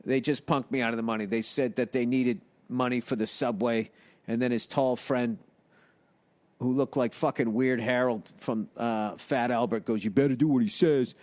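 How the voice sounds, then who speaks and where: A middle-aged man, hosting a podcast, reading listener emails and riffing on them with profane, animated comedy. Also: medium pitch, normal speed.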